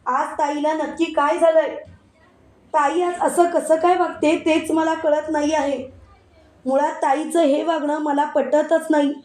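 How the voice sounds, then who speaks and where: Brief: high, pleading college-girl sister, read by a woman narrator, anxious in a story recap. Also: level tone, unhurried, a little mellow, echoey room.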